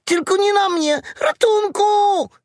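A shrieking panicky little piglet. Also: male voice, slow pace, no echo, clean studio sound, full character voice. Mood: panicked shrieking. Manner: shrill, shrieking in alarm. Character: small panicky young male piglet. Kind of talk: children's audiobook reading.

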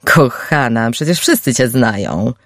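A woman's voice: a bass voice, animated, a little slow, a bit bright, dry recording, studio quality, exaggerated voice. A woman doing a jovial flashy man of fifty. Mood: effusive. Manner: playful, teasing, exclamatory. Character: jovial showy male editor around fifty. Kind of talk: audiobook reading.

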